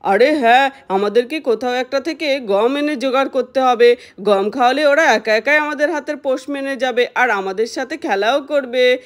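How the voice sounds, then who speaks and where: A woman's voice: high-pitched, moderate pace, lightly acted. A woman voicing a sensible older girl who explains plans to the younger children in a doll cartoon. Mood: coaxing. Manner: coaxing, explaining. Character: sensible older girl, bossy big sister type.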